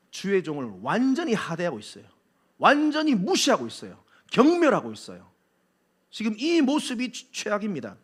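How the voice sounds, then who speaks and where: A male pastor preaching a sermon in an animated way, joking with the congregation and acting out quotes. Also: high voice. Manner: jokes with congregation.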